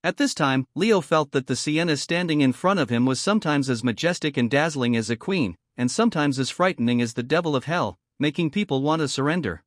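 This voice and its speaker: A man reads a scripted story recap aloud, speaking every character's lines in his own voice. His voice sits a little high for a man. The recording is close and dry. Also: expressive, brisk, few pauses, no echo. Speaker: recap narrator. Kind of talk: scripted narration.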